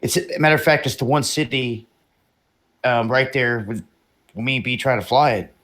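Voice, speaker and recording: A man's voice: medium pitch, moderate pace, a bit bright. Rambling opinionated male stream host. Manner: rambling, opinionated, swears casually. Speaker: livestream host. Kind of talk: casual live-stream talk.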